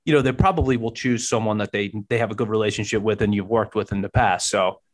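A man in his forties hosts a casual interview, talking quickly in a lowish voice. As the interviewer he is agreeable and encouraging, though he feels his way through his phrasing.

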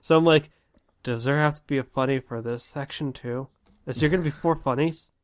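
A young man co-hosting a casual podcast, asking quick questions and laughing along. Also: mid-range voice. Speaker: podcast co-host. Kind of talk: casual chat.

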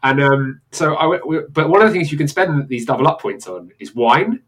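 A man's voice: fairly high pitch, expressive, brisk, fairly bright tone. Rambling British man, casual podcast chat. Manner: rambling, self-interrupting, laughs often. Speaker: podcast co-host.

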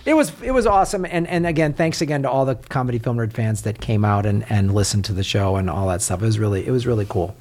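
A man's voice: lowish voice, animated, fast talker, few pauses, a little mellow. A man co-hosting a podcast, telling stories in a casual, joking way with many fillers. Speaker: podcast co-host. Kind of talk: casual chat.

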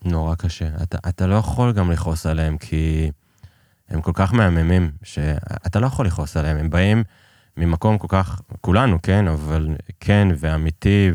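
A man's voice: low voice, a little mellow, dry recording, clean studio sound. A man with an Israeli Hebrew accent, telling stories conversationally as an interview guest, feeling for words and mixing in English business terms. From Iran, immigrated to Israel. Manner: hesitant searching delivery, peppered with English business terms. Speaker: podcast guest, business executive.

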